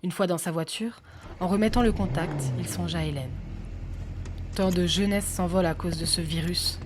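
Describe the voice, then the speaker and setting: A woman calmly narrating a sleep audiobook in an even voice. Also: lowish voice, moderate pace, background noise. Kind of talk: soft sleep-story narration. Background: faint music.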